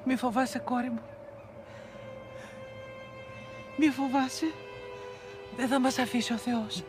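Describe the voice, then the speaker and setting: Brief: actress as a middle-aged aunt, high voice, protective, emphatic, soft music under. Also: female voice, lightly acted. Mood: comforting. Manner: earnest, motherly and emphatic. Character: protective aunt, fierce and devout. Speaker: aunt of the girl. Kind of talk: period television drama acting.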